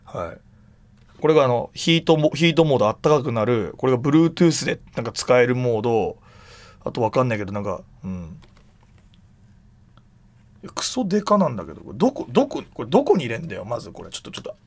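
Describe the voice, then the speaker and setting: A man streaming live, chatting casually in rough slang with loud exclamations while he handles and examines an object. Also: mid-range voice, sing-song, fast.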